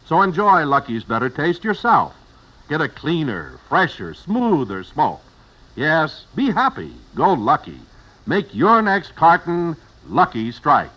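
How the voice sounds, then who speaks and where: A man's voice: on the high side, very animated, measured pace, pushed and bright. An American man working as a radio announcer, reading old-time advertising copy in an emphatic, polished way. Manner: emphatic, polished sales delivery. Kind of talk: 1950s radio advertising read. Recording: dull old radio broadcast.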